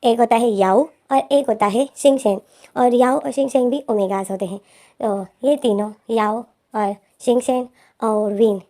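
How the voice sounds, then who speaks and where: A woman's voice: a little high, dark tone. A woman retelling a fan fiction story as a storyteller, narrating in a plain, explanatory way.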